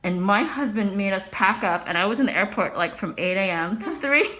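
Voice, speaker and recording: A woman's voice: mid-range voice, animated, a little fast, sharp tone. A middle-aged woman dermatologist chatting and telling stories while she works on a patient in a medical office, often dropping to a murmur. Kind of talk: chatting while performing a procedure.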